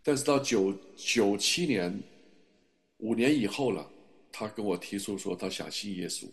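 Gravelly-voiced middle-aged male preacher. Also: fairly low pitch, moderate pace. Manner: earnest, confessional, rising to fervent emphasis. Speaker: pastor. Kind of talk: sermon with personal testimony.

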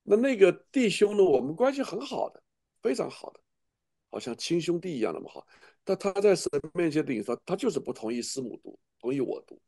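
A man's voice: a little high, sing-song, fairly quick, mellow, husky. A middle-aged man, a pastor, preaching a sermon with earnest, emotional testimony and frequent restarts.

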